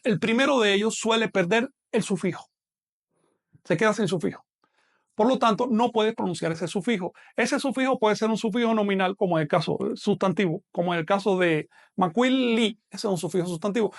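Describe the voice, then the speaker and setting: A man's voice: sits high, gravelly. A man teaching a math class online, explaining patiently and quizzing a student as he goes.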